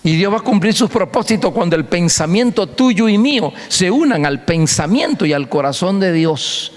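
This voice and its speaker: A man preaching a sermon as pastor, emphatic and storytelling, leaning on repeated phrases to drive each point home. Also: sits high. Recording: long hall reverb.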